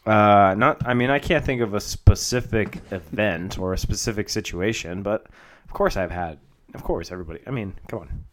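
Man co-host, low-pitched, laid-back and dry in replies. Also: normal speed, fairly bright tone. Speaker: podcast co-host. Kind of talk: casual chat. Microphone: home microphone.

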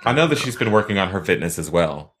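A man's voice: sits low, very animated, fast talker, breathy edge. A man co-hosting a casual chat about pop culture. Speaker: podcast co-host.

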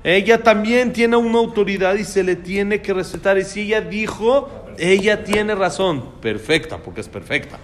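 A man's voice: high voice, steady tone, moderate pace, few pauses. Emphatic man teaching a religious class. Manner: emphatic, asks the class questions. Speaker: Torah teacher. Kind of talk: religious class on child education.

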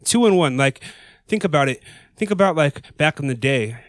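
Higher-pitched man in slangy casual banter. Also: lively intonation, normal speed, dry recording. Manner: slangy, profane, rambling. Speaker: co-host. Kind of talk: casual banter with sponsor plug.

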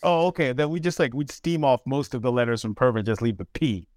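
An animated man in his forties trades slangy banter on a podcast and laughs easily. His voice sits mid-pitch and sounds dry and close on the mic. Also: a little fast, no echo. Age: 40s. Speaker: podcast co-host. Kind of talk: casual podcast chat.

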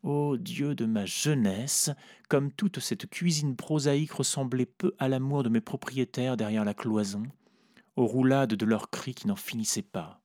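A man narrating a literary story in a measured, reflective way. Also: mid-range voice, darkish tone, no echo, clean studio sound.

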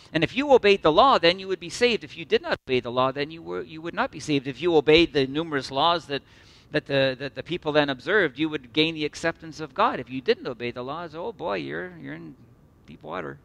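A middle-aged man preaching a sermon, earnest and emphatic, slowing for repeated phrases and dropping suddenly soft. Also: a little high, creaky.

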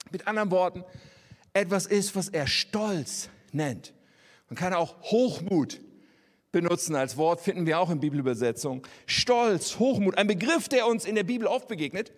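A man's voice: sits high, normal speed, big-room sound. A man preaching a sermon in an earnest, conversational way, speaking directly to his listeners.

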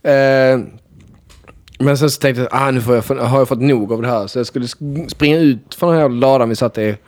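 A young man casually telling a chaotic story to friends, animated, laughing often and swearing freely. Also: mid-range voice.

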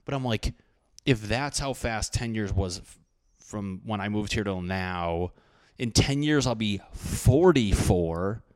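A man in his thirties hosts a solo podcast, rambling casually with lots of swearing and self-deprecating jokes. His voice is lowish and darkish in tone, taken slowly, with studio-quality sound and no echo.

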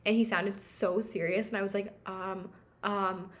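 A woman's voice: mid-range voice, fairly even intonation, a little fast. A young adult woman, co-hosting a casual chat and telling stories in a rambling way, full of fillers and laughter. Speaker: podcast co-host.

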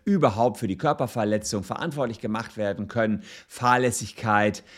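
Low-voiced man explaining law. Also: a little fast. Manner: explanatory, thinking aloud with many fillers. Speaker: legal commentator. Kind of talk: explaining law while reacting to a video.

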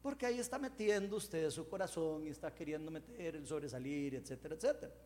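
A man preaching a sermon in a lively, joking, conversational way. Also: fairly high pitch, fast, big-room sound, a little hiss or hum. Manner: animated, jokey, conversational preaching.

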